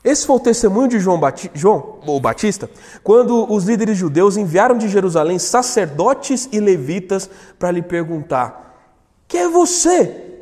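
Male preacher, high voice, dramatic shouts and hushes, hall echo. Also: animated, normal speed. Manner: dramatic, swings from shouts to hushed low lines, slangy. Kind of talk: sermon. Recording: echoey hall reverb.

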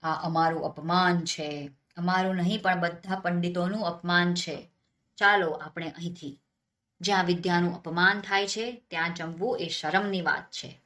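A woman's voice: medium pitch, big pitch swings, unhurried, a bit bright. A woman voicing a proud, irate old male Brahmin scholar who scolds indignantly in a storybook tale. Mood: angry.

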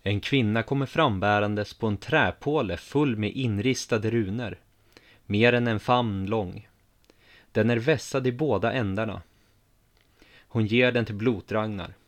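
A man narrating a story in the first person, in a measured reading that drops quiet for his inner asides. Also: fairly low pitch.

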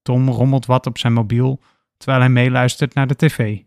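A man narrating a scripted story in a calm, even storytelling manner. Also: mid-range voice, normal speed, creaky, no echo, clean studio sound.

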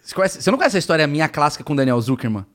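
Brazilian guy, high voice, animated storytelling, acts out the quotes. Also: rapid-fire. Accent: Brazilian Portuguese. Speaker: comedian telling a story. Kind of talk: casual podcast storytelling.

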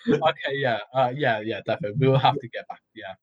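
A man's voice: mid-range voice, fast talker, no echo. Agreeable young man, dry and slightly dull audio. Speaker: podcast co-host. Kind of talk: casual chat.

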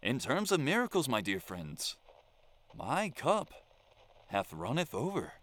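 A man's voice: mid-range voice, huge pitch swings, unhurried, a bit bright, heavily acted. A man playing an eccentric, lonely survivor who hosts his own radio show, speaking in a theatrical, flowery, mock-formal way. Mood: whimsical. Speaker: lone radio broadcaster. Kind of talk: audio drama monologue.

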